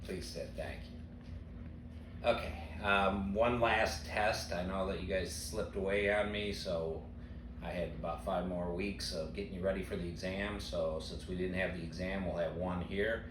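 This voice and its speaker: An older man, a retiring teacher, answers interview questions with deadpan sarcasm and dry humor. His voice is very low and his pace normal, recorded from a distance in a roomy space with background noise.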